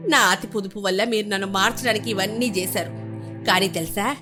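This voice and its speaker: A woman's voice: medium pitch, fairly even intonation, fairly quick, over music, natural voice. A woman playing a thrifty old mother-in-law. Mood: reflective. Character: thrifty older mother-in-law, sharp-tongued.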